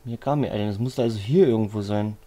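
A man's voice: on the low side, fast, dark tone. A man giving casual let's play commentary, muttering puzzled asides to himself. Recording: clear game noise behind voice. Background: video game sounds.

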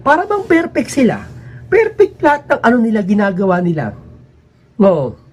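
A man talking casually to his viewers in a rambling, emphatic way, his pitch swinging up and down. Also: wildly swooping pitch, normal speed, darkish tone, husky. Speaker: vlogger.

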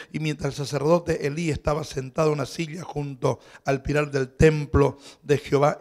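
A middle-aged man with a Rioplatense Spanish accent, preaching a sermon as pastor in a storytelling way, shifting between loud preaching and quiet asides and asking the congregation questions. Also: on the high side.

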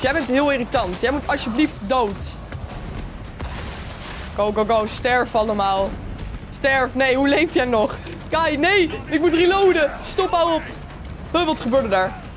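A young Dutch woman commenting on her own gameplay, chatty and excitable, talking straight to her viewers. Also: fairly high pitch, noisy background. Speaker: gaming streamer. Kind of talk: let's play commentary.

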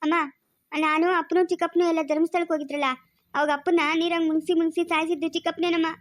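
A vengeful young man confronts the uncle who tried to drown him and killed his father. A woman plays him in a very high voice, hurling accusations. It sounds like a home-made family drama. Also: level tone, fast. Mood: accusing. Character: angry young village man, vengeful son.

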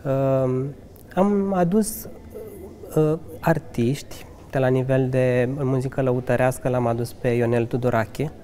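The interviewer holds a handheld mic toward a Romanian restaurant manager in his thirties, in a lounge with a fireplace. Speaking in a warm, mid-range voice with fairly even intonation, he responds earnestly and enthusiastically, with eager asides, occasional laughter and restarts in this conversational interview.

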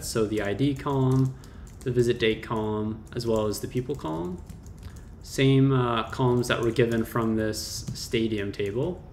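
In a small indoor room, a young man with a mid-range voice tutors coding over a casual screen share, thinking out loud with fillers and little self-corrections as he types. The room gives an echoey sound, and faint keyboard clicks come through.

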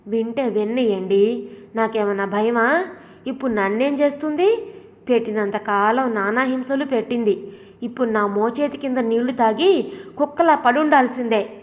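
Sharp scolding middle-aged wife, as a lady storyteller puts her on, kinda high voice, long reverb. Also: moderate pace, natural voice. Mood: angry.

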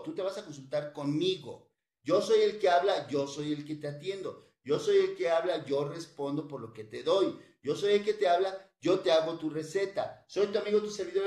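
A man with a Mexican accent, a naturopathic doctor hosting a health program, pitching his remedies emphatically and repeating himself as he speaks straight to his listeners. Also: a little mellow, reverberant. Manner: emphatic and repetitive, addressing listeners directly. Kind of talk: broadcast product pitch.

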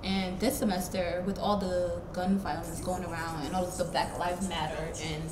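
A woman's voice: on the low side, normal speed, crowd noise. Young woman in an echoey art studio. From Ghana. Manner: relaxed, candid, uses casual slang. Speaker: art student interviewee. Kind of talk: casual interview. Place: large indoor art studio. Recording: echoey studio with music behind.

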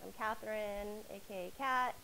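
A woman sitting in on a casual talk show, throwing in dry, deadpan one-liners. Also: mid-range voice, normal speed, creaky, slight background noise, low-quality recording. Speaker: co-guest. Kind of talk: casual chat.

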